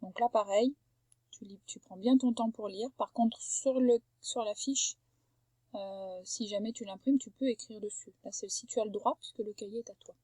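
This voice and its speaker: A woman teaching a young child to read, patient and clear, slowly drawing out words so each sound can be heard. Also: mid-range voice, darkish tone, dry recording. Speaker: primary school teacher. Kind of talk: remote reading lesson for a young child. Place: at home.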